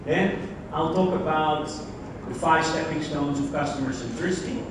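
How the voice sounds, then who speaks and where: Speaking at a fairly high pitch and a normal speed, this Dutch-accented man from the Netherlands delivers a conference keynote in a big hall. His style is chatty, and he quizzes the audience directly. The echo is heavy, the mic sits far away, and there's noise in the background.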